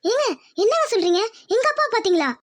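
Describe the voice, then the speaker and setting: A woman's voice: very high voice, animated, fast, faint music behind, pitched above the performer's own voice. A woman voicing a young village bride in a cartoon, tender, pleading and emotional. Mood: worried. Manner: pleading, emotional, calls her fiancé uncle-sweetly. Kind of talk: cartoon voice acting.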